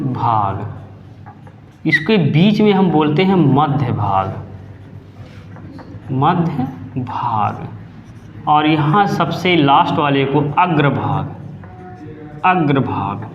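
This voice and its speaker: Guy teaching a grammar class, slow and drawn out, dull echoey room, faint hiss. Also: fairly high pitch. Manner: drawn-out, emphatic repetition of sounds; checks with the class often.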